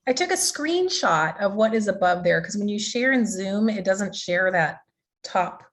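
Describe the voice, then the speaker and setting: A woman's voice: mid-range voice, animated, normal speed. A woman teaching an online digital art workshop over a video call, chatty and loose, with many fillers and restarts.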